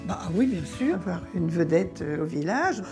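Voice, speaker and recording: A woman's voice: on the low side, big pitch swings, normal speed, music in the background. An older woman, a village mayor and former teacher, speaking fondly and reminiscing.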